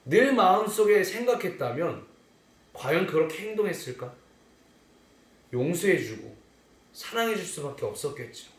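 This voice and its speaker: A man preaching a children's sermon in an animated storytelling way, speaking to the children as friends. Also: high voice. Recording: echoey room.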